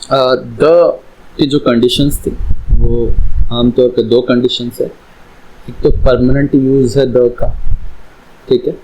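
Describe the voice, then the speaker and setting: Male grammar teacher, unhurried, patient, repeats examples, checks understanding. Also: medium pitch, fairly even intonation, a little mellow, a little hiss or hum, rough recording. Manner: explains slowly, repeating examples and asking "है ना". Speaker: English teacher. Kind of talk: grammar lesson.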